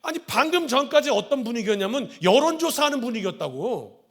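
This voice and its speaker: Male pastor in church, animated sermon delivery with a high, lively voice, slips into character voices. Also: brisk. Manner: animated, acts out dialogue in shifting voices. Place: church sanctuary.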